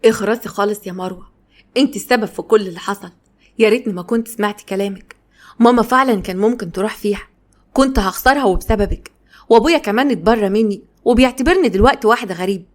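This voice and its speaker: A woman's voice: mid-range voice, fast, darkish tone, natural voice. A woman with an Egyptian Arabic accent voicing a bitter young husband who harshly blames his wife.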